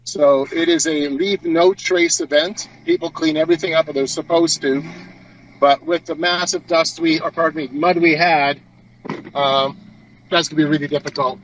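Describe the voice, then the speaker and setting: Over dull, lo-fi remote call audio with slight background noise, a male correspondent on site answers an interviewer's questions in an informal live report. He sounds a little high and a bit bright, with fairly even intonation at a moderate pace.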